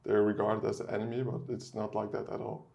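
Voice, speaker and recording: Young guy being interviewed, kinda low voice, laid back, says like a lot. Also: very fast, vocal fry, dull audio. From Netherlands. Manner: relaxed, uses filler 'like' and laughs often. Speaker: interview guest. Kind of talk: casual interview talk.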